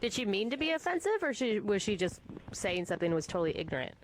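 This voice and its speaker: A woman's voice: mid-range voice, big pitch swings, fast, a little hiss or hum, low-quality recording. A woman co-hosting a radio show, cutting in with pointed questions.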